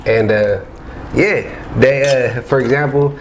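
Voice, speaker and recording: A man's voice: medium pitch, unhurried, a little hiss or hum. A man, a rapper guest, talking in a loose, rambling casual chat, often asking "you know what I mean".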